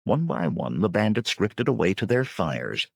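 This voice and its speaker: A man narrating an adventure audiobook with expressive storytelling. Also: fairly low pitch, normal speed, creaky, husky, dry recording, clean studio sound. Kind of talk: scripted narration.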